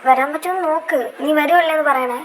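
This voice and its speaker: Sweet chatty young woman, a woman doing the voice, very high, quick. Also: a bit bright, slight background noise. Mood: friendly. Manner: friendly, questioning. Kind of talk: fan audio drama acting.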